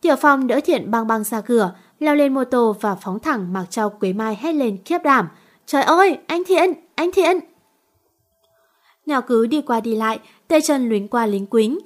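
A woman reading a romance novel aloud in steady storytelling. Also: fairly high pitch, moderate pace, few pauses. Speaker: narrator.

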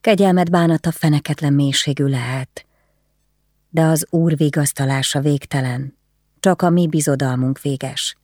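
A man's voice: fairly high pitch, fairly even intonation, darkish tone, no room sound, clean studio sound, lightly acted. A narrator doing a grave, dutiful nobleman. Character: grieving stern nobleman, duty-bound, weary.

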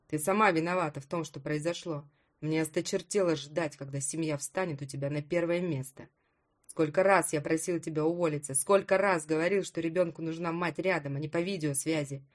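A woman reading an audiobook voices a cold, dismissive husband in a lowered voice. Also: brisk, natural voice. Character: cold, smug husband, adult man.

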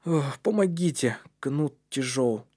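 A man's voice: mid-range voice, expressive, takes it slowly, mellow. A man voicing a small, frightened boy in a storybook reading. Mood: fearful.

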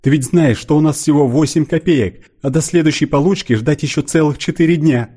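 A man reading an audiobook voices a stern, careworn older sister, a seamstress who speaks in a brisk, questioning way. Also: fairly high pitch, dark tone, husky, pitched above the performer's own voice. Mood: worried.

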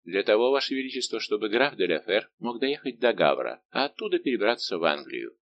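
Male reader as a middle-aged musketeer captain: calm, respectful, unbending, low-pitched. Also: fairly quick, vocal fry, highs cut off. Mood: calm defiant. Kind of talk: audiobook reading.

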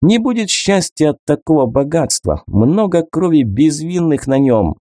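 A simple, loyal young male soldier who speaks plainly and earnestly, played by a male reader. His voice sits a little higher than the narration. The tone stays warm and mellow. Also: sing-song, measured pace, dry recording, clean studio sound.

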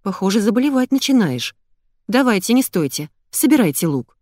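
A woman voicing a bossy, energetic young woman who scolds and gives orders. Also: mid-range voice, dry recording, pitched above the performer's own voice. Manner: brisk, commanding, scolding.

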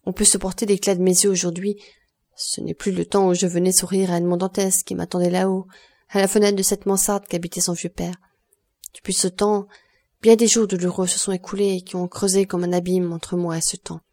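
Here a woman takes the role of a grieving thirty-nine-year-old crushed by guilt, pleading sorrowfully and blaming herself. She speaks briskly in a low, dark voice with little pitch movement.

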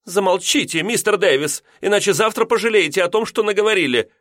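Man doing a shrill scolding landlady. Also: animated, moderate pace, a bit bright, dry recording, clean studio sound. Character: fussy proper landlady, middle-aged woman.

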